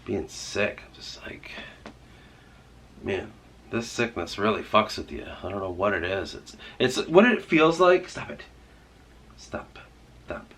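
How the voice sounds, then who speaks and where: Congested man rambling in a low voice. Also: big pitch swings, a little slow, a bit bright, a little hiss or hum. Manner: rambling, heavy swearing, many "like"s. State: congested, stuffy-nosed and sore-throated. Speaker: writer vlogging. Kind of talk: casual rambling vlog talk.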